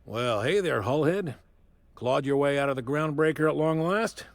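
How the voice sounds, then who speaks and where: An actor playing an older, condescending revolutionary in a video game, speaking in measured, pompous speeches. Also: male voice, on the high side, no echo, close to an everyday voice. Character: grizzled old male revolutionary, condescending and grandiose.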